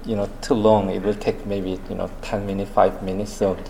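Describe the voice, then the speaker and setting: Guy starting a conference talk, lots of uhs, lowish voice, bit of room noise. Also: flat delivery, brisk, creaky, mellow, low-quality recording. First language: Korean. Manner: hesitant, many fillers. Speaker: conference speaker.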